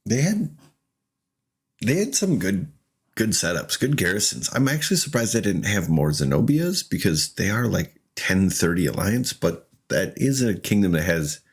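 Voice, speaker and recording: A man streams his games and comments on them casually, laughing frequently and reenacting his in-the-moment reactions with quoted self-talk in an excitable way. His fairly low voice runs at normal speed and sounds slightly rough.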